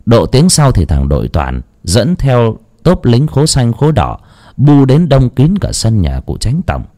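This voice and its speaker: A man narrating a horror story in a dramatic, drawn-out way. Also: mid-range voice, wildly swooping pitch, dark tone.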